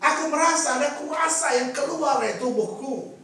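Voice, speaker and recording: A preacher voicing a calm, gentle healer. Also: male voice, very high-pitched, pitched above the performer's own voice. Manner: slow, measured, mixes English. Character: calm, authoritative male healer speaking gently. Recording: echoey hall from far off.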